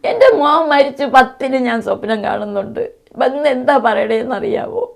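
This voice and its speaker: Tearful gravelly mother. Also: high voice, moderate pace. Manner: tearful, pleading, repetitive. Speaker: bereaved mother interviewed. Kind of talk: emotional interview testimony.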